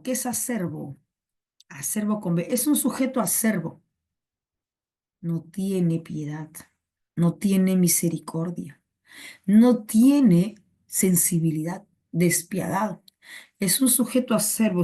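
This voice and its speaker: A woman's voice: medium pitch, warm tone. A young adult woman teacher with a Peruvian Spanish accent giving a live online class, repeating words and synonyms over and over. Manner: repetitive, drills synonyms.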